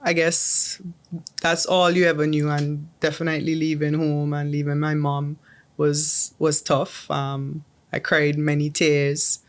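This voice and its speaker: A young Caribbean woman with a low-pitched voice chats as a guest in a casual interview, speaking flatly at a measured pace. She's talkative and frequently restarts sentences with "um" and repeated words.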